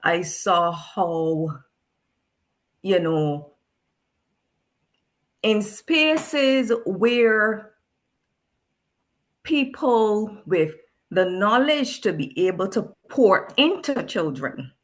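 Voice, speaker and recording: A woman's voice: mid-range voice, lively intonation, very slow, pauses often. A woman from Barbados, a special education teacher speaking thoughtfully as a guest, often repeating words as she searches for them. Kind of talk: reflective discussion.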